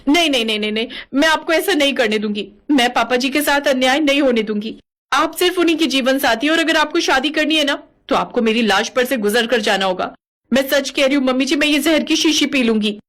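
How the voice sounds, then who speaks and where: A woman's voice: sits high, fairly quick, a bit bright. A woman voicing a theatrical young daughter-in-law who pleads dramatically, in a cartoon. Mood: pleading. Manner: pleading, melodramatic. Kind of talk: cartoon voice acting.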